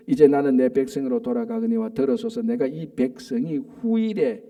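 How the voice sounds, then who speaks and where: Man, pastor preaching at dawn, warm mellow tone, slightly higher pitch, emphatic, checks for agreement. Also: recorded from a distance. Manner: emphatic, asks the congregation for agreement; reads verses slowly and deliberately. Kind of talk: dawn service sermon with scripture reading. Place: church.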